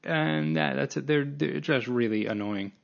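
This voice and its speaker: A man's voice: medium pitch, unhurried, vocal fry, highs cut off. A man in his late twenties hosting a solo podcast, rambling casually and self-deprecatingly with frequent restarts. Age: 20s. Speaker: podcast host.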